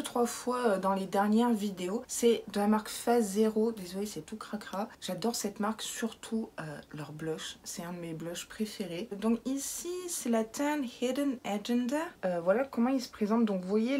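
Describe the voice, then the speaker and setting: French beauty vlogger lady, husky voice, chatty and playful, casual makeup review. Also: fairly high pitch, a little mellow. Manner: chatty, playful, self-mocking with invented words.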